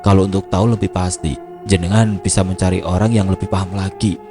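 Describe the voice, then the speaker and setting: A man voicing a gentle, modest older becak driver with a Javanese accent, speaking softly. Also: low-pitched, fairly even intonation, fairly quick, close to an everyday voice. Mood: humble. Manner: soft-spoken, modest. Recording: music playing behind.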